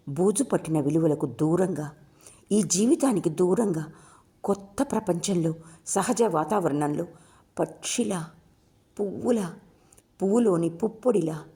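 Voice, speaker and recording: Woman voicing a tender-hearted young college girl. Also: lowish voice. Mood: dreamy defiant. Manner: soft, pleading, emotional.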